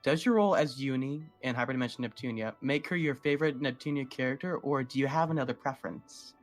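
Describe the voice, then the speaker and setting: A man's voice: mid-range voice, quick pace, soft background music. Rambling man podcast co-host. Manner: rambling, filler-heavy. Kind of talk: casual podcast chat.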